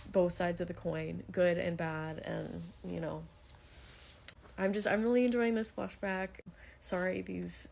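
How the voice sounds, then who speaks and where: A young woman chatting casually as she gushes over a manga she is reading and retells its story with excitement. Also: on the low side, creaky, slight background noise. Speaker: manga reaction creator. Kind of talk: casual chat reacting to a manga.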